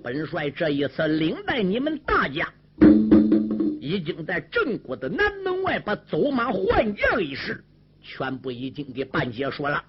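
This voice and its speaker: A man's voice: fairly high pitch, huge pitch swings, measured pace, over music. A man doing a bold young woman general. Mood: teasing, commanding. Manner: sung-spoken storytelling delivery. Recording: lo-fi with loud drum and string accompaniment.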